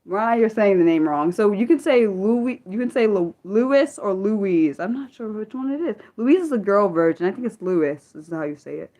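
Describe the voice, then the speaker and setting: Speaking in a mid-range voice at a normal speed with few pauses, a woman in her thirties hosts an unscripted livestream. She chats casually, reads viewer comments, rambles, and corrects herself, her energy alternating between excited and subdued.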